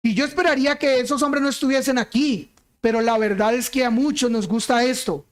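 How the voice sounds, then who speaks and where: A man preaching a sermon, speaking deliberately and asking the congregation rhetorical questions. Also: very high voice, steady tone. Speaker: pastor.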